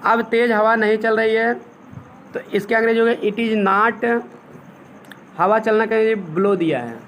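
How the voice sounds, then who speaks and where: High-voiced male teacher, slow dictation. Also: fairly bright tone, slight background noise. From India. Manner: explains step by step, dictates English sentences slowly, asks questions. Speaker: English teacher. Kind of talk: classroom lesson.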